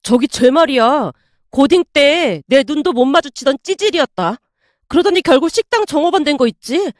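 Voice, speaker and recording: A woman's voice: high voice, lively intonation, normal speed, dry recording, clean studio sound. A woman voicing a sneering bully of a man. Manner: sneering, yelling insults. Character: arrogant bullying young male customer.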